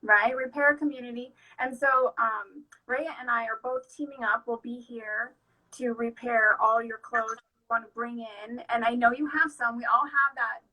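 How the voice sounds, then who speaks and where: Woman, shop owner hosting, enthusiastic, bright voice, slightly high, lots of fillers. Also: steady tone, normal speed, poor audio. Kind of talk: casual interview chat.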